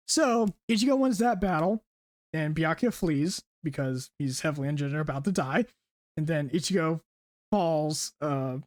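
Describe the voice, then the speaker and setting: Excited man retelling anime plot. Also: fairly high pitch, dry recording, studio quality. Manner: excited, rambling retelling with restarts. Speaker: podcast host. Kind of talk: casual storytelling recap.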